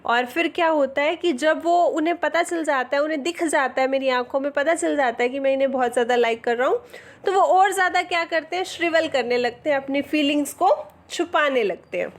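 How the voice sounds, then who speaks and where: Woman, English teacher, line-by-line explanation, high voice, patient, mixes Hindi and English. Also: a little fast.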